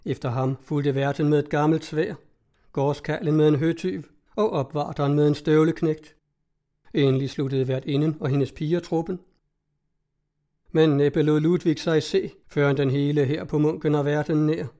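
A man reading a story aloud in an even, measured way. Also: on the high side. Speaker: narrator. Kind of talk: audiobook narration.

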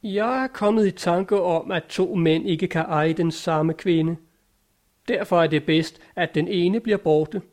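A man's voice: sits high, natural voice. A man voicing a brooding, guilt-ridden man full of despair in a read-aloud story. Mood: cold. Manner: dark, despairing.

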